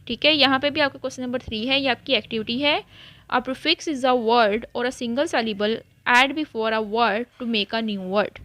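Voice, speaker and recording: A woman's voice: high-pitched, pushed and bright, no room sound. A woman English teacher, explaining a lesson step by step and mixing English terms into her Urdu-Hindi talk. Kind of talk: recorded classroom lesson.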